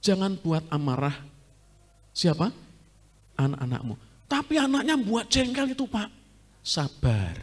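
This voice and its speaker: Lively Javanese-accented preaching man. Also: high voice, measured pace, pauses often. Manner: lively preaching, teasing and asking the congregation. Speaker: pastor. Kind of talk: sermon.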